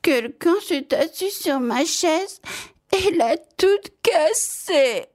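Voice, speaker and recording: A woman's voice: lively intonation, drawn-out words, darkish tone, heavily acted. A woman doing a piping little baby bear. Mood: wailing. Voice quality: high, piping, near tears. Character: tiny whiny baby bear boy.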